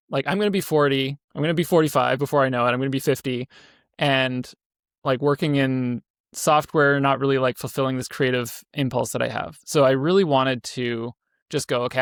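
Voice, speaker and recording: A man's voice: mid-range voice, creaky, clean tone, no echo, studio quality. A man in his thirties, an indie game developer, talking casually as a podcast guest, rambling with fillers and restarts. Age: 30s. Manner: rambling, self-correcting, frequent fillers. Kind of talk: casual interview talk.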